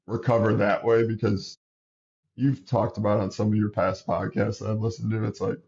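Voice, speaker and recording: Relaxed man in his thirties, sniffly. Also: lowish voice, moderate pace, lo-fi sound. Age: 30s. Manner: relaxed, rambling, with many restarts. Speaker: basketball coach and guest. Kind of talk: casual interview chat.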